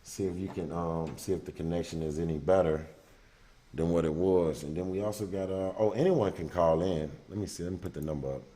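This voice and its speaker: A man hosting a casual call-in livestream show, talking loosely with many pauses. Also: low-pitched, warm tone. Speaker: livestream talk show host.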